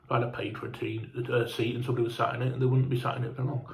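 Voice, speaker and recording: A man's voice: medium pitch, flat delivery, racing, creaky, darkish tone, roomy sound. A man telling a casual, rambling travel story, sweary and chatty, sounding hungover and unwell. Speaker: fan vlogger.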